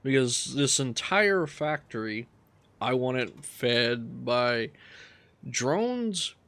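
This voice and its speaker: A man casually talking through his gameplay, relaxed and rambling as he thinks aloud. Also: mid-range voice, extremely slow, no echo. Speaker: gaming channel host.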